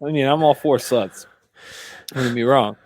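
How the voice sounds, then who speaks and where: A man's voice: mid-range voice, normal speed, darkish tone, dry recording. A young man co-hosting a podcast, dropping dry, wry quips between chuckles. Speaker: podcast co-host. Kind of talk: casual review chat.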